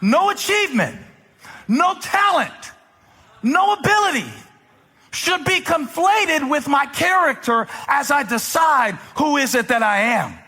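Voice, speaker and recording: A man from South Carolina preaching a live sermon to a congregation, emphatic and rising to shouts. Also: very high-pitched, very animated, measured pace. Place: large church hall with congregation. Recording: long hall reverb, faint crowd.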